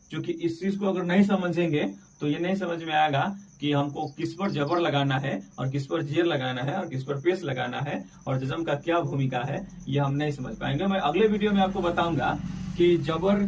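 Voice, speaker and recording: Gravelly man teaching letters slowly. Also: on the high side. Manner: drills letters slowly, asks and answers his own questions. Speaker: Urdu teacher. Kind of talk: classroom-style lesson with call-and-response questions. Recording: distant mic with faint outdoor noise.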